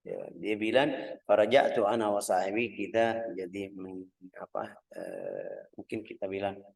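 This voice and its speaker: A man's voice: on the low side, animated, creaky, darkish tone. Man teaching a religious lesson. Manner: explains slowly in simple Indonesian, searching for words, acts out voices. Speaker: Islamic teacher.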